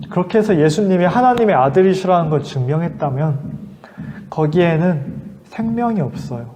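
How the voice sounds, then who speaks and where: A man with a high voice tells a Bible story to children as a lively, vivid sermon. His voice carries a long reverb from a hall. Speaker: children's ministry preacher.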